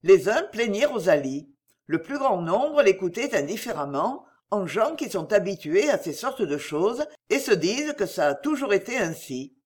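A woman narrating a classic novel as an audiobook, in an expressive storytelling manner. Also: medium pitch, normal speed, slightly rough.

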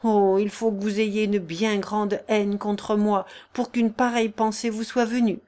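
A woman's voice: medium pitch, flat delivery, a little slow, mellow, close to an everyday voice. A woman doing a tormented young wolf-leader. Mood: anguished passion. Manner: intense, anguished outbursts.

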